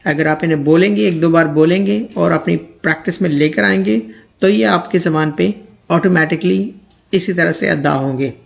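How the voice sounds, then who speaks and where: A man teaching English pronunciation in a lesson, speaking, who repeats each word slowly and then reads out an example sentence. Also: a little high, gravelly.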